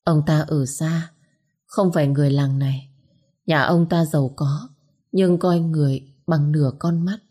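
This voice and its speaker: Woman reading a weary single mother, stern yet loving; low, dark, husky tone. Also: fairly even intonation, moderate pace. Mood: bitter. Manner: comforting, turns hard when bitter.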